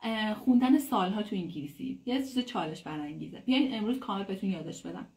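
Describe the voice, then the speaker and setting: A woman who speaks Persian natively, giving a casual English lesson, explaining in a chatty way and saying English phrases slowly and clearly. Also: mid-range voice, expressive, a little mellow. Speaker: English teacher. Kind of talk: casual online language lesson.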